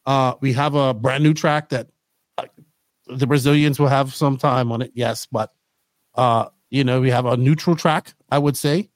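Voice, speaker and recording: A man's voice: medium pitch, steady tone, moderate pace, dry recording. A man hosting a podcast, chatting casually and eagerly pressing his guest with questions. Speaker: podcast host. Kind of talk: casual interview chat.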